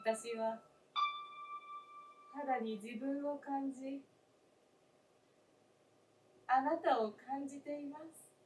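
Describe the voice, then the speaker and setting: Here the dead wife's gentle, wistful spirit, played by an actress in a staged radio drama, sounds tender and solemn. She speaks in a high voice, with polite, old-fashioned feminine wording and deliberate phrasing. The roomy stage and distant mic leave faint noise.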